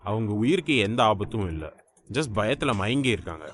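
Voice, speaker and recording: A man voicing a calm hospital doctor reassuring a worried father, in an audiobook. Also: fairly low pitch, moderate pace. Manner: reassuring, explanatory.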